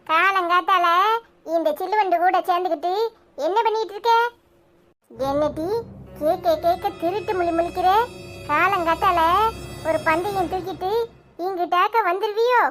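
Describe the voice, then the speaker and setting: A woman voicing a bossy, sharp-tongued old grandmother in a cartoon, with a Tirunelveli Tamil accent. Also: very high voice, normal speed, long pauses, soft background music. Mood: scolding. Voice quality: harsh, sharp-tongued scolding. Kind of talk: cartoon voice acting.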